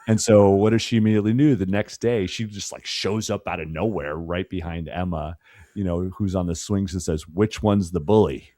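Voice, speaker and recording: A man's voice: sits low, fairly even intonation, a little fast, warm tone, dry recording. A man co-hosting a podcast, talking through a movie in a loose, profane way with lots of "you know" fillers. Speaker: podcast co-host. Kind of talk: casual film discussion.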